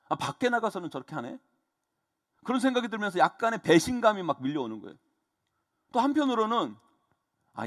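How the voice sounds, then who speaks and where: A middle-aged man preaching a sermon as pastor, emphatic and often addressing the congregation directly, swinging from loud exclamations to soft confiding asides. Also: sits high.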